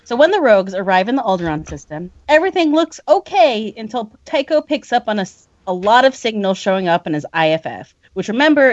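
A woman hosts a podcast, recapping the plot in a casual, animated way. Her pitch swings widely as she talks. The recording is dry and a bit muffled. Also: no echo. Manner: animated recap, laughs often. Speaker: podcast host summarizing a book. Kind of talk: casual chat.

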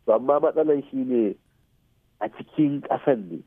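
On a muffled, phone-like radio line, a Nigerian man with a Hausa accent talks at a moderate pace in a medium-pitched voice with a breathy edge. As an expert guest he blends in English technical terms and tosses out short tag questions to make sure he's being followed. The recording is dry.

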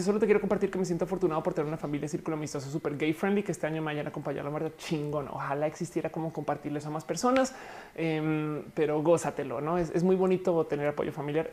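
A woman's voice: low-pitched, mellow. A young Colombian-born woman with a Mexican Spanish accent, chatting casually on a live stream and reading viewer comments aloud.

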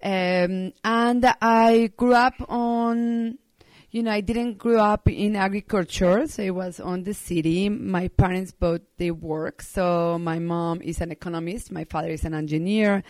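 A woman's voice: mid-range voice, steady tone, unhurried, darkish tone, no room sound. A middle-aged woman from Colombia, a native Spanish speaker, talking earnestly as an interview guest, with many ums and uhs. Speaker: winemaker guest. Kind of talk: casual interview talk.

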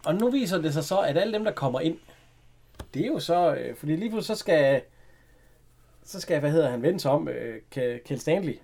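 Guy with a kinda high gravelly voice going over old movie scenes, lots of uhs. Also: animated, a little mellow. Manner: hesitant, many fillers, chuckles while retelling. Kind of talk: casual chat retelling film scenes.

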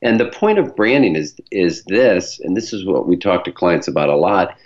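A low-voiced man with a Michigan, Great Lakes accent hosts a branding show. He explains things conversationally and speaks straight to his listeners. The sound is a little dull and lo-fi. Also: very animated, moderate pace. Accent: Michigan, Great Lakes American. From Michigan, United States. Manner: chatty, explanatory, addresses listeners directly. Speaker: podcast host, branding professional.

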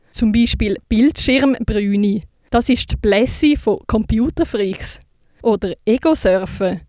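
A young woman presents a short scripted radio segment. Her voice sits a little high and she stays upbeat throughout. The studio sound is dry and close. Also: dry recording.

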